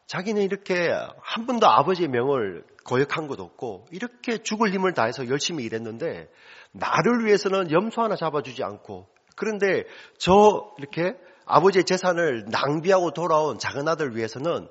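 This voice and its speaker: A resentful elder son airs his grievance with indignant force, played by a man in the middle of a sermon. His husky voice climbs and drops as he complains. The sound is a little dull and lo-fi. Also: on the high side, sing-song, normal speed, pitched above the performer's own voice.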